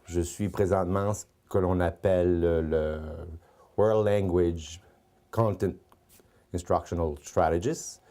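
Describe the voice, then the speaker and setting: A middle-aged Canadian man with an Acadian French accent. His voice is low and mellow as he introduces himself in an interview as an education specialist. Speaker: school instructional strategist.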